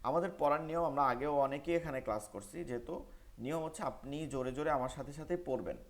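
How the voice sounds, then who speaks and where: A man's voice: a little high, fast talker. A man with a Bangladeshi Bengali accent teaching Quran pronunciation in an online class, repeating sounds for students to follow. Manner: repetitive drilling, call-and-response recitation. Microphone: online class microphone.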